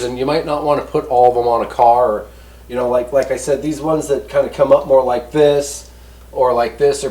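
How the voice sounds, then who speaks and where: Hosting a laid-back hands-on product review, this man talks in a folksy, rambling, easygoing manner. His voice sits at medium pitch with a darkish tone. The audio is roomy and echoey, picked up by a distant mic with noise behind it.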